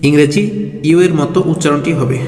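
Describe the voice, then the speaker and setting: A man teaching Quran reading, chanting each letter sound in a slow sing-song drill between short explanations. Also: fairly high pitch, a little mellow. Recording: echoey room with long reverb, faint music.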